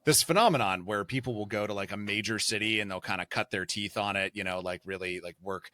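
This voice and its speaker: A man hosting a casual podcast, rambling and excitable, with lots of fillers. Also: fairly low pitch, fast talker. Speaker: podcast host.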